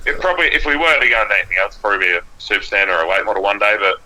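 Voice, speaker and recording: A man's voice: lowish voice, lively intonation, racing, bright, forceful tone, poor audio. An Australian man chatting casually as a guest on a podcast, in a laid-back, hesitant, plain-spoken way. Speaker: guest, race driver and car graphics designer. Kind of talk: casual podcast interview chat.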